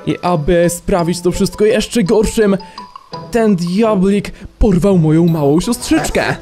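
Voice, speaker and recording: A man's voice: high voice, slow, dark tone, pitched above the performer's own voice. A man voicing a timid young male hat spirit, speaking in a raised, eager, pleading voice as he tells his story. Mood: apologetic. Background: game music.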